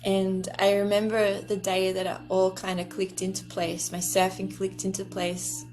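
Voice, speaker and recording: A woman hosting her own podcast, telling a personal story in an earnest, gentle way and laughing softly between phrases. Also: medium pitch, completely flat delivery, moderate pace. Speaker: podcast host. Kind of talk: reflective personal storytelling monologue.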